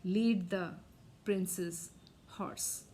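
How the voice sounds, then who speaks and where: Firm old servant, unhurried played by a woman. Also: medium pitch, steady tone, warm tone, a little hiss or hum. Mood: insistent. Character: loyal, anxious, firm old male servant.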